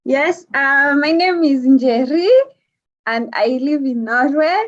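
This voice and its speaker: A Kenyan woman with a Kenyan accent talks casually as an interview guest in a high-pitched, slow voice. She's hesitant, uses many fillers, and laughs easily. The audio is dull and lo-fi.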